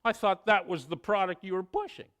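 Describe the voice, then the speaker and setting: A man preaching a sermon, telling a story with expressive delivery and dramatic pauses. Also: sits high. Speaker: pastor.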